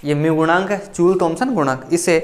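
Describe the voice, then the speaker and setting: A man teaching chemistry, dictating notes line by line and repeating key phrases, quick between the dictation. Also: a little high. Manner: talks fast between dictation. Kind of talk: blackboard lecture.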